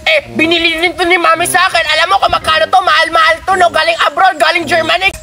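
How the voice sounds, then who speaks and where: A woman's voice: very high-pitched, little pitch movement, fast talker, bright, forceful tone, faint music behind, full character voice. A woman voicing a spoiled, boastful little girl in a comic skit, bragging in a whiny childish voice.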